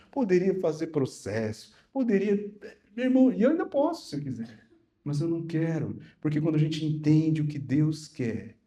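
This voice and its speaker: A middle-aged Brazilian man preaching a sermon, telling a personal story with animated swings between loud and soft. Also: a little high. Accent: Brazilian Portuguese. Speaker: pastor.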